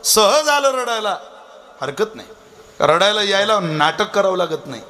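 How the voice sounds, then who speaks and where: Man, kirtan preacher, high voice, joking storyteller, preachy. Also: lively intonation, sharp tone. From Vidarbha, Maharashtra. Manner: humorous storytelling with preachy asides; chants Sanskrit verse slowly. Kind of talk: devotional kirtan sermon.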